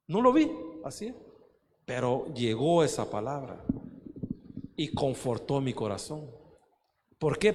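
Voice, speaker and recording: A male pastor preaching in a fairly high voice, his words ringing out under a long church reverb. He talks with feeling, repeats his phrases, and keeps calling his listeners brother. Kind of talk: sermon. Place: church sanctuary.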